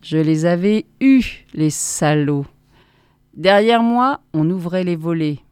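A woman narrating a first-person story with expressive reading, lifting her voice for quoted speech. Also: fairly low pitch, slow, clean tone, no echo, studio quality. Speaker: audiobook reader.

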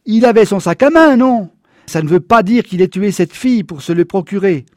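A man's voice: high-pitched, expressive, measured pace, a little mellow, no room sound. A stern lawman stands his ground, speaking firmly and with command. A man reading the novel gives him voice. The recording is dry, with no room sound. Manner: firm, commanding. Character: stern small-town lawman father, firm and defiant.

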